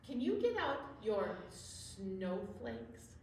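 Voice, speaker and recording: A woman hosts an interactive storytime for young children, speaking extremely slowly at a medium pitch with big swings, encouraging them and asking lots of questions, with slow sung finger play woven in. The distant mic picks her up in a very echoey room with faint noise.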